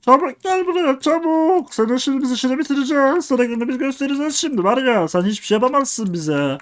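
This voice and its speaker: A man's voice: very high voice, lively intonation, quick pace, voice pushed up. A man voicing a taunting toilet monster. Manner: taunting threats.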